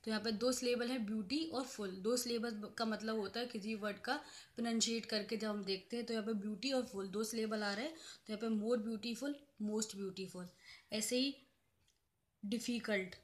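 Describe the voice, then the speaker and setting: A female professor with a slightly high voice gives a grammar lecture in a measured, even manner. She goes through each rule step by step, drawing out examples and repeating them, and mixes English terms into her explanations.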